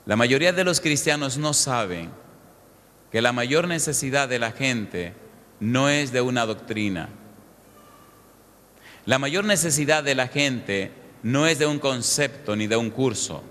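A man's voice: mid-range voice, expressive, a little slow, fairly bright tone. A man pastor telling a story in a sermon, emphatic and quizzing the congregation. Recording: echoey hall.

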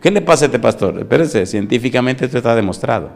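A man's voice: medium pitch, expressive, fast, gravelly. A middle-aged man preaching a sermon as pastor. He talks conversationally and keeps asking the congregation rhetorical questions.

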